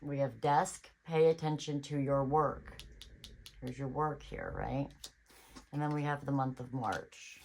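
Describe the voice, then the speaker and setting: A woman's voice: a bass voice, measured pace, gravelly, a little mellow, a little hiss or hum, low-quality recording. A woman giving a casual tarot reading on her channel, chatty and reassuring, thinking aloud as she goes. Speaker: tarot reader.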